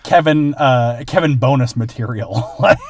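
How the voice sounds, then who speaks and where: A man from Illinois co-hosting a film podcast, talking earnestly with lots of halting fillers and frequent laughs. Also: mid-range voice. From Illinois, USA. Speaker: podcast co-host. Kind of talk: casual film podcast chat.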